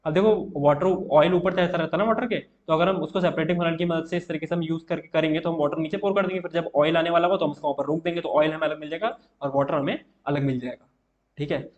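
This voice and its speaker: A young man with a slightly high voice teaches an exam-prep chemistry lesson. He talks casually and often checks in with his viewers as he explains at the board. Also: fairly even intonation, fast, highs cut off. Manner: casual, repeats "theek hai" often, writing on board.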